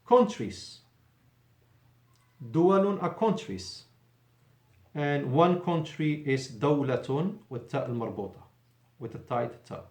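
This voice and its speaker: A man with a slightly high voice and a roomy sound teaches Arabic in a mosque. His classroom lesson is patient, explained in English with Arabic phrases repeated.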